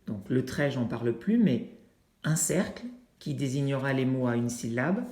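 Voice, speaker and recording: A teacher explaining a learning activity to parents in an unhurried way, pausing often with fillers while demonstrating with objects. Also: medium pitch, a little mellow. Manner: unhurried, with frequent hesitations and fillers. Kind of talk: instructional video for families. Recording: roomy, echoey indoor sound.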